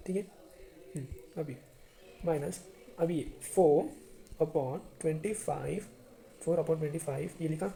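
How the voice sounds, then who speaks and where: A man's voice: high-pitched, dark tone. A man teaching a math lesson to students, chatty and often checking if they understand.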